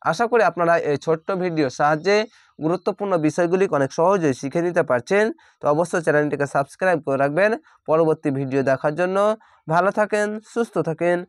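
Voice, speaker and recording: A man teaching Quran reading, spelling each letter and vowel mark slowly before reciting the word drawn out. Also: on the high side, no echo, clean studio sound.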